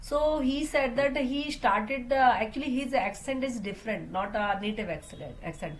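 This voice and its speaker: A woman's voice: fairly high pitch, moderate pace, a little hiss or hum, low-quality recording. A woman with an Indian English accent hosting a conversation, speaking hesitantly with many fillers and calling her guest sir. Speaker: host, English learning channel. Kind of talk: casual conversation.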